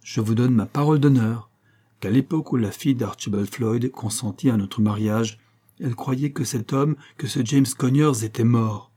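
A man's voice: medium pitch, moderate pace, dark tone, natural voice. Man voicing a hot-tempered young squire. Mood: resolute. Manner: raised, urgent outbursts.

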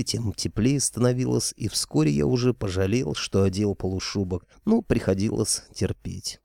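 A man narrating a first-person audiobook in a lively manner, with a dry close-mic sound. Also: on the low side, gravelly, dry recording.

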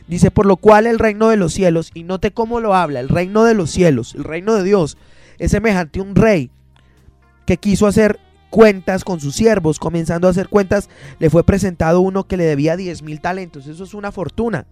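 High-voiced pastor preaching. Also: male voice, a little mellow, no echo, soft background music. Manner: preaching with many pauses and restarts. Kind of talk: radio sermon.

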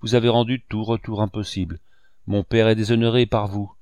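A man reading a gentle tearful young woman. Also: lowish voice, little pitch movement, fairly quick, no room sound, close to an everyday voice. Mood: reproachful. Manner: soft, reproachful. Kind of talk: audiobook character reading.

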